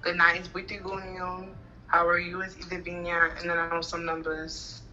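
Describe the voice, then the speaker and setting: Speaking quickly and casually on a video call from her small bedroom, a young Garifuna woman from Honduras peppers her interview answers with "like", her phone at arm's length. Her lowish voice is pushed and bright yet completely flat in delivery, and the lo-fi recording carries a little hiss or hum.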